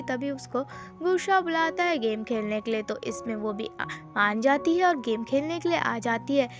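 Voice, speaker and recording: A woman casually retelling the plot of a drama episode in a chatty, loose way, with many fillers. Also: high voice. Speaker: drama recap narrator. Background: background music.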